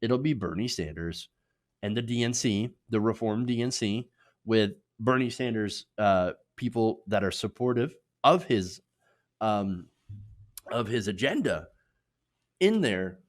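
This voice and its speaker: An American man hosting opinionated political commentary, emphatic, repeating his points in short punchy phrases and often tagging them with "right?". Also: on the low side. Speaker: host of an online political commentary show.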